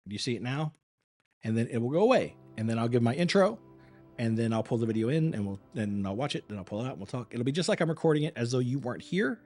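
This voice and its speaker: Talking casually to live-stream viewers, this acting coach has a mid-range, expressive voice that moves fast and carries a slightly mellow tone. There's faint music behind him. He comes across as tired, his voice thinning, while he rambles earnestly and keeps restarting his words.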